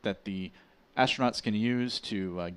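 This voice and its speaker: Guy with a lowish voice doing live launch commentary, measured and explaining stuff. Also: smooth.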